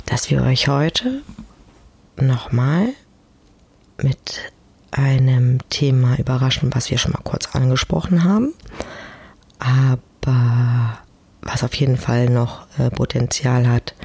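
Alone at home, a woman hosts a casual podcast, speaking close to a personal microphone with no echo. Her voice is extremely low, gravelly and a little mellow with a breathy edge, and she comes across as chatty, informal and self-deprecating.

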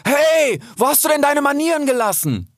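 A young grey fox from a storybook speaks up in a raised, lively voice, as a male narrator puts him on. He is a small, earnest creature. There is no room sound around him. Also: very high voice, moderate pace, no room sound, clean studio sound, voice pushed up. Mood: bold.

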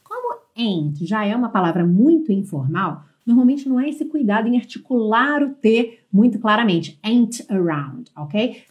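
Lively Brazilian woman teaching English. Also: a little high, highs cut off. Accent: Brazilian Portuguese. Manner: lively, repeats English phrases slowly for pronunciation drills. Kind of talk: online English lesson with course pitch.

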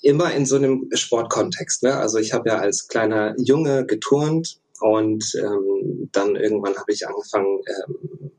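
A man's voice: on the low side, measured pace, few pauses, darkish tone, husky, poor audio. A man in his thirties, a podcast guest, telling his story in a hesitant, thoughtful way with many fillers. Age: 30s. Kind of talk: casual interview chat.

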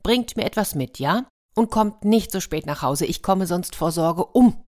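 A woman's voice: fairly low pitch, lively intonation, unhurried, darkish tone, voice pushed up. A woman voicing an old mother star who fusses over her children and scolds them. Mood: caring. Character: old mother star, caring then stern.

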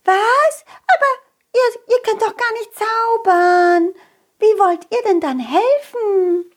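Woman doing squeaky cheeky little fairies. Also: slow pace, exaggerated voice. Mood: curious. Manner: squeaky, excited, teasing. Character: cheeky curious little fairy children.

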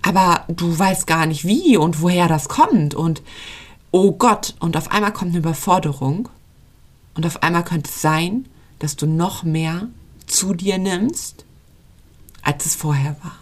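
A woman's voice: lowish voice, animated, a little slow. A woman coaching on intuitive eating in a podcast monologue, earnest and pleading as she speaks straight to the listener.

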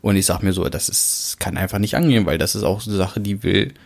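Low-voiced German man making his case. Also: fairly quick, gravelly. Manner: pushes his point, asks probing questions. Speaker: podcast co-host. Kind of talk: casual debate chat.

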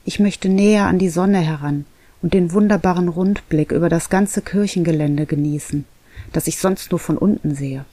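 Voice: medium pitch, moderate pace, warm tone, no echo, natural voice. A reader voicing a thoughtful young cat who longs to climb a church roof, earnest and a little defensive, in an audiobook. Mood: wistful. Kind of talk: audiobook reading.

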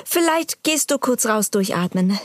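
A playful woman hosting a podcast who teases her guests and cuts their rambling short. Her voice is fairly high and lively in pitch. The sound is dry and close. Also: dry recording. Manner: playful, teasing, quick to cut off rambling guests. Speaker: podcast host. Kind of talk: playful interview sketch.

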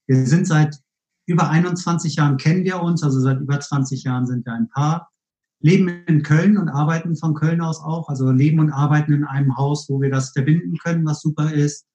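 A man from northern Germany, a podcast guest, speaking in a calm, measured way with dry humor. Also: on the high side, roomy sound. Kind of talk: casual interview talk.

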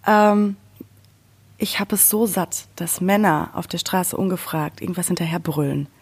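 A woman's voice: lowish voice, normal speed, breathy edge. A woman chatting casually and frankly on a podcast, voicing firm opinions.

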